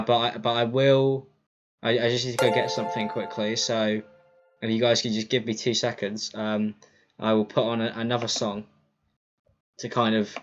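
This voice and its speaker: A man with a clear, resonant, mid-range voice chats casually on a livestream. He rambles, apologizes, and stumbles over his words. His cheap computer mic gives dull, lo-fi audio, with faint music behind him.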